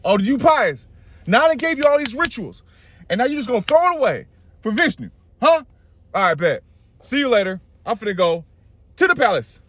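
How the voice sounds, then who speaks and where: A man's voice: mid-range voice, big pitch swings, moderate pace. A man voicing a suspicious, scheming guru who needles the king in street slang. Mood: scornful.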